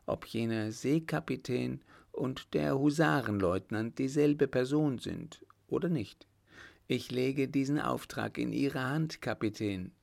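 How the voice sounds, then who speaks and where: A man's voice: medium pitch, gravelly, pitched above the performer's own voice, heavily acted. A man voicing a stern middle-aged emperor who questions in curt, clipped phrases with cold irony. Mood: commanding.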